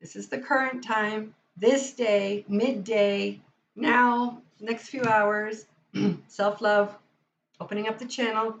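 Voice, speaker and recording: A woman's voice: mid-range voice, steady tone, slow pace. A woman hosting a live tarot reading, chatting with enthusiasm and speaking straight to her viewers. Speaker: tarot reader and livestream host. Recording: dull lo-fi sound.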